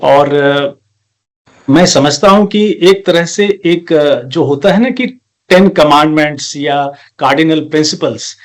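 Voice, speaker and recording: A courteous male interviewer with a slightly higher pitch than most men. He sums up his guest's points with polite approval and slips English terms into his questions. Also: unhurried. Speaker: professor, interview host.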